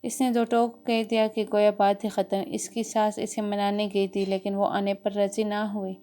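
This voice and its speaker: A woman narrating a romance novel as an audiobook in a steady, even storytelling manner. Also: medium pitch. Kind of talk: scripted narration.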